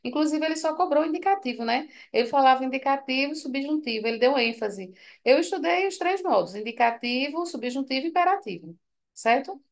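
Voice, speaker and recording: A woman's voice: high-pitched, lively intonation, fairly quick. A tired woman teacher, correcting an exam question by question in a chatty way and checking with her students. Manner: chatty, asks students for confirmation. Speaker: Portuguese teacher.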